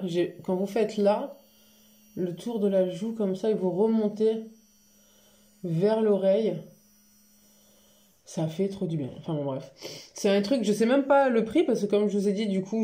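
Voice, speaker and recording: A woman talking casually and frankly in a home haul vlog, chatty and quick to laugh. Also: medium pitch, warm tone. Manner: chatty, frank, laughs easily, many fillers. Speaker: beauty vlogger. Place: home living room by a Christmas tree.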